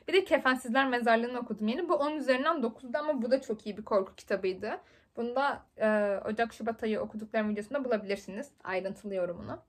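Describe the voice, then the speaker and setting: A woman in her twenties chatting very fast and excitably while unboxing books for her vlog. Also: high voice. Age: 20s. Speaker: book vlogger. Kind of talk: casual unboxing chat.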